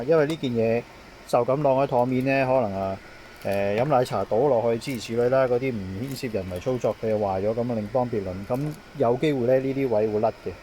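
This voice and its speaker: An intercom installer and technician with a Hong Kong Cantonese accent gives an informal product demonstration and handover explanation of a device setup, repeating his points as he goes. His voice is medium-pitched and warm, and clear on-site ambience can be heard behind him.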